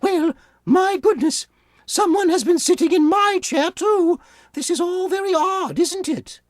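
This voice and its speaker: The narrator voicing a gentle mother bear in a storybook radio play, in a sweet, fussing, motherly manner. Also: very high-pitched, a little slow, no echo, clean studio sound, pitched above the performer's own voice. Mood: soothing. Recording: music playing underneath.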